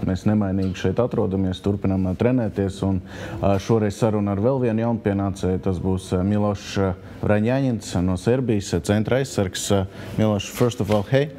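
Low, dark-voiced Latvian-accented man interviewer. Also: steady tone, fast talker, few pauses, a little hiss or hum. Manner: hesitant, many "uh" fillers. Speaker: club interviewer. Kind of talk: interview questions. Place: hotel lobby, indoors.

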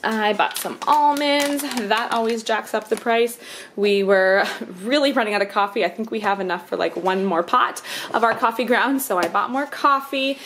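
Holding the camera at arm's length, this thirty-something vlogger and mother of five talks through her grocery haul around her home kitchen and living room. Her fairly high, fairly bright voice moves at a moderate pace, full of laughter and fillers like "um" and "like," over slight background noise.

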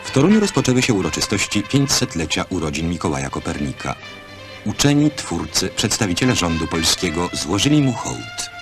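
A man's voice: sits low, sing-song, fairly quick. A man narrating an old newsreel in a solemn, formal, scripted manner. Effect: old newsreel narration over music. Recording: archive film soundtrack with loud music behind. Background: music.

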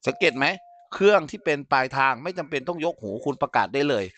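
Speaking fast in a slightly high voice, a male instructor walks through software in a casual tutorial. He explains each step and keeps asking whether listeners are following.

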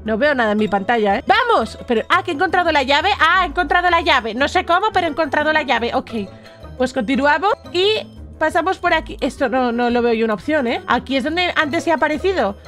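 A young woman with a Spain Spanish accent hosts a casual let's-play, her voice pitched high. She is excitable, bursting into shrieks at scares, and reads game chat aloud in a flatter tone. Faint game music plays behind her. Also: brisk. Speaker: gaming YouTuber host.

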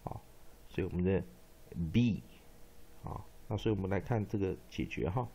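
A man with a Taiwanese Mandarin accent teaching English phonics, who drills syllables slowly and repeats each word many times. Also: deep voice, lively intonation, warm tone, husky. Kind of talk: phonics lesson. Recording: dull lo-fi recording.

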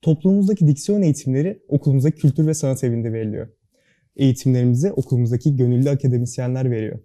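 A young man with a very dark, mellow voice, rattling off earnest interview answers at a brisk pace. His diction is careful and precise, and his manner stays formal and serious throughout. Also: mid-range voice. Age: young adult. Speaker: student club board member, guest.

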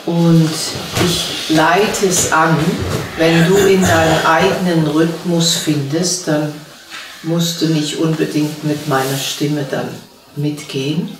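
Female meditation teacher, unhurried and soothing delivery, distant mic, echoey room. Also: low-pitched, background noise. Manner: slow, calm spoken instructions with long pauses. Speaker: spiritual teacher leading a meditation. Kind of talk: guided meditation. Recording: roomy sound from a distant mic.

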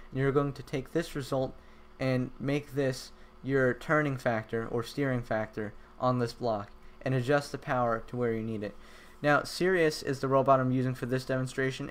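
A young man narrating a programming tutorial, explaining each step clearly with casual asides. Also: mid-range voice. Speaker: robotics tutorial host. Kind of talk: screen-recorded tutorial narration.

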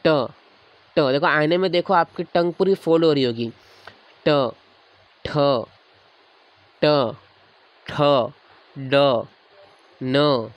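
A man with a slightly raised voice teaches a grammar lesson at an unhurried pace. He says each sound again and again as a patient demonstration. The recording is dull and lo-fi. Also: a little high.

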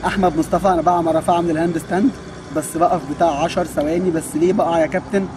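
Young egyptian guy coaching kung fu, high voice, talks super fast and jokes around, faint traffic behind. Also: fairly even intonation. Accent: Egyptian Arabic. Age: 20s. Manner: rapid, joking and teasing. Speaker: kung fu coach answering viewer questions. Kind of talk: casual Q&A.

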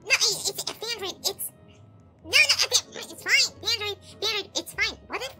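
Brief: woman doing a squeaky-high, bright, stammering robot girl, lively pitch, light music behind. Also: unhurried. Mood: pleading. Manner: stammering, nervous. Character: jittery, eager young female robot streamer. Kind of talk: fan-animation voice acting.

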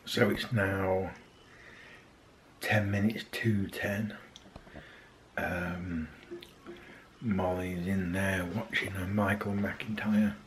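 A man's voice: low-pitched, fairly even intonation, very slow, long pauses, a little hiss or hum. A man in his thirties chatting casually to a handheld camera, rambling and hesitant with many ums. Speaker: vlogger. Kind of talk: casual daily vlog. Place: outdoors in a park, then in a car, then at home. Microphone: handheld camera at arm's length.

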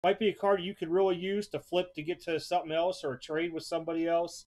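A man's voice: a little high, level tone, quick pace, a little mellow. A man casually showing off trading cards for an upcoming auction, talking in an easygoing, rambling way at a desk at home. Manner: easygoing, rambling, repeats words. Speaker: sports card seller hosting an auction preview. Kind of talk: casual card showcase narration. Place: home card room, indoors.

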